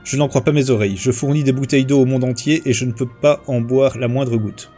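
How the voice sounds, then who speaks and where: A man reading his own first-person short story aloud on a livestream, in a steady, measured way with small slips and restarts. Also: mid-range voice, faint music behind.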